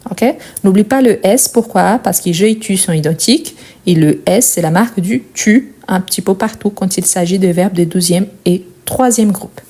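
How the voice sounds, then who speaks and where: A woman teaching verb conjugation, repeating each form slowly and clearly and checking in with short questions. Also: mid-range voice, warm tone. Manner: checks in with "ok?" and "bien". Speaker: French teacher. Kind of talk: explaining conjugation.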